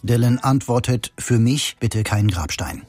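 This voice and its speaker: A man narrating a radio portrait in a measured storytelling voice-over. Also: medium pitch, darkish tone, husky. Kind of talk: documentary voice-over.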